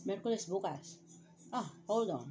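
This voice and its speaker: A woman's voice: mid-range voice, expressive, a little slow, darkish tone, a little hiss or hum. A woman vlogger from the Philippines chatting casually to viewers while eating, talking with food at her lips. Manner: chatty, addresses viewers as guys. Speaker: mukbang vlogger.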